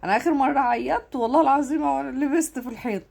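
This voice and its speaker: A woman's voice: sits high, very fast, vocal fry, darkish tone. A woman with an Egyptian accent giving emotional casual vlog commentary, fighting back tears and repeating herself. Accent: Egyptian Arabic. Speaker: online commentator.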